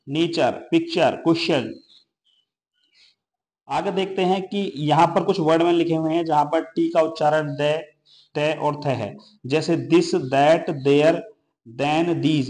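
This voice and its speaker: A man's voice: fairly high pitch, darkish tone. A man teaching an English pronunciation lesson, explaining each rule and then listing example words one by one.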